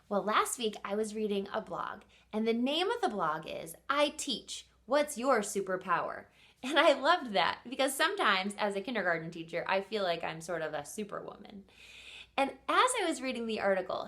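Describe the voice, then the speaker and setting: Speaking at a medium pitch, this woman is a teacher and host giving an expressive read-aloud of a storybook to young kids. She often pauses to pose questions to them.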